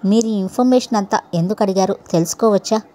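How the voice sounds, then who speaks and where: A woman reading the lines of a polite young male office worker in a storybook, in her own even voice, dropping English phrases. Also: medium pitch, fast talker, lightly acted. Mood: calm. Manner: courteous, mixes English phrases.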